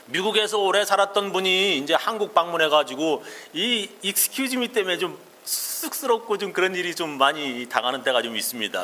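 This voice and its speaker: A man's voice: sits high, pushed and bright. A male pastor giving a sermon, explaining English phrases and telling personal anecdotes. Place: church sanctuary. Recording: long reverb of a church hall.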